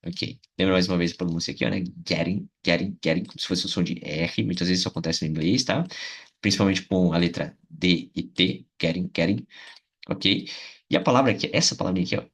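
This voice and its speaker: Husky-voiced Brazilian English teacher. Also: male voice, low-pitched, a bit bright. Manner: patient, repeats words slowly for pronunciation; frequent check-ins with his viewers. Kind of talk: video lesson.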